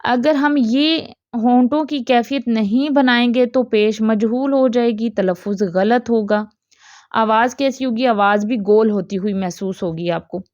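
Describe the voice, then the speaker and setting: A woman's voice: a little high, a little mellow, dry recording, muffled recording. A woman teaching Quran recitation, asking questions and answering them herself, with many repeated examples. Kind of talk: tajweed lesson.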